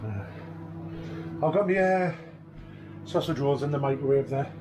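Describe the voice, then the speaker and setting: A man's voice: mid-range voice, lively intonation, unhurried, noisy background. A middle-aged man, chatting casually in a home video diary and often trailing off mid-sentence. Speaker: vlogger. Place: living room at home.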